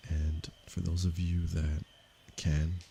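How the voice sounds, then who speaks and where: A man from Canada, a meditation teacher, speaking softly and unhurriedly to viewers of his livestream. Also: low-pitched, flat delivery, vocal fry, a little hiss or hum. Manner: slow, soft-spoken and unhurried, with pauses. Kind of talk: calm livestream talk to viewers.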